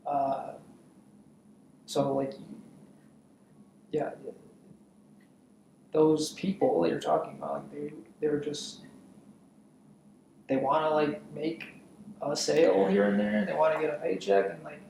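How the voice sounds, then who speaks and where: Gravelly man far off in an echoey room. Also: a little high, flat delivery, takes it slowly, pauses often, a little mellow, a little hiss or hum. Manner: gives blunt advice, repeating phrases. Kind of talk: casual podcast chat.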